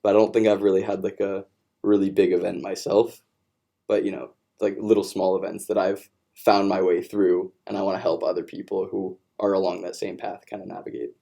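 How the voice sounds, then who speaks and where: A man's voice: sits low, brisk, vocal fry. A young man, a college senior athlete, chatting casually on a podcast and rambling with fillers. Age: young adult. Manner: relaxed, rambling with "um" and "like". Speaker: student-athlete.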